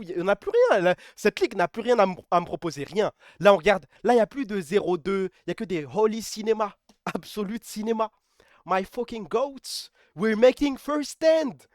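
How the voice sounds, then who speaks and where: A man talking on a live stream from his home setup, lively and emphatic, often repeating phrases and throwing in swear words. His voice sits high for a man. The sound is close and dry, with no room around it. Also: dry recording. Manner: excitable, emphatic, repeats himself, swears freely. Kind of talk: casual live-stream chat.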